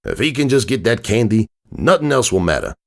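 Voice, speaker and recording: This man gives a dramatic reading as a streetwise, world-weary stallion, gruffly telling a bedtime story with slang, grumbles and wistful moments. His medium-pitched voice is very animated and a little fast, and he sounds exasperated.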